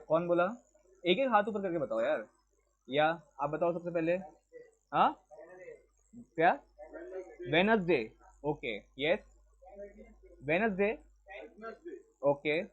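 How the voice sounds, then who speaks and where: High-voiced male lecturer. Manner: quizzes students, mixes Hindi and English. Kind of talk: classroom lecture. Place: classroom with a board. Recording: dull lo-fi classroom recording.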